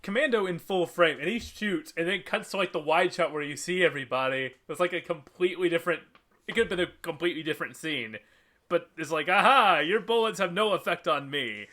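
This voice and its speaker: Bright-toned man chiming in on a podcast. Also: on the high side, quick pace. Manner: chiming in with short comments and laughs. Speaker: podcast co-host. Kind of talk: casual podcast chat about a game.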